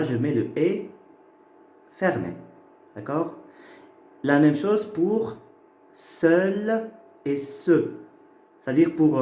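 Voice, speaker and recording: In an echoey room, a man with a slightly high, warm voice teaches a phonetics lesson. He explains slowly and patiently, checking that listeners follow with "ok?" and "d'accord?".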